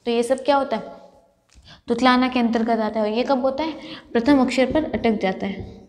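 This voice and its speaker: A woman's voice: fairly high pitch, moderate pace, in a large hall. A woman college lecturer giving a classroom lecture, explaining step by step and answering her own questions.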